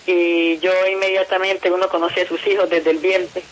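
A woman's voice: fairly low pitch, flat delivery, normal speed, slight background noise, poor audio. A middle-aged Colombian woman giving emotional testimony about her family, pleading and repeating herself. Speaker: interviewee, mother of a kidnapped son.

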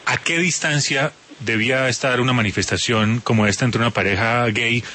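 A man's voice: medium pitch, fairly quick, bright, forceful tone. A man interviewing a guest on the radio, pressing her with pointed questions and sometimes stumbling over his words.

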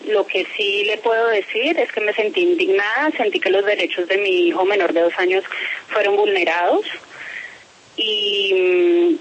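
A woman's voice: medium pitch, steady tone, moderate pace, highs cut off, slight background noise. A woman being interviewed by phone about a complaint, speaking firmly and formally. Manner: firm, insistent, formal. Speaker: interviewee, parent making a complaint.

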